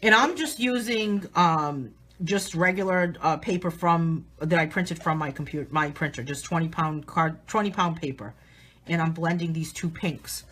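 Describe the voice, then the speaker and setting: The speaker is a woman, an artist and livestream host with a Southern New England accent, casually chatting through a live coloring demo. She has a low-pitched, fairly bright voice at a moderate pace, and she's upbeat and chatty, often starting sentences over.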